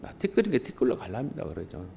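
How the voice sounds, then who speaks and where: A man's voice: medium pitch, huge pitch swings, quick pace, creaky, dark tone, slight background noise. A male pastor delivering an emphatic, impassioned sermon.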